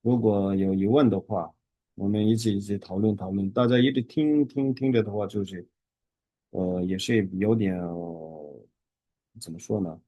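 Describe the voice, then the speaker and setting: Man, low voice, dry close sound, patient syllable drills. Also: no room sound, highs cut off. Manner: repeats syllables slowly for drilling, halting with fillers. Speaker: Tibetan language teacher. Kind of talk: online beginner lesson.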